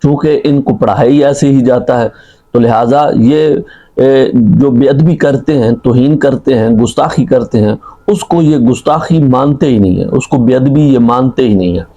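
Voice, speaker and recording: Mellow-voiced mufti giving a rebuttal. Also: male voice, mid-range voice, dull audio. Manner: measured, citing books and reciting Arabic. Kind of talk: religious rebuttal speech.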